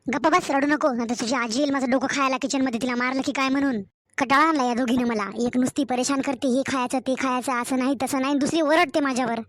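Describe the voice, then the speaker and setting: A woman voicing a harsh, impatient young stepmother in an animated storybook, speaking with a Marathwada Marathi accent in a sharp, scolding way. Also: high voice, fast, natural voice. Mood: irritated.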